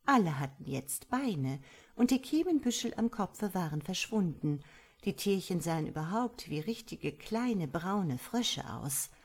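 A woman narrating a storybook in an expressive, unhurried way. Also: on the low side, husky. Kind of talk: storybook reading.

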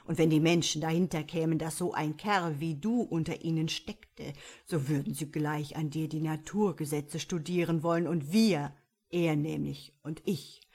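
Brief: grumbling storybook devil, gruff and scheming, put on by a woman narrator, slightly low and loud.

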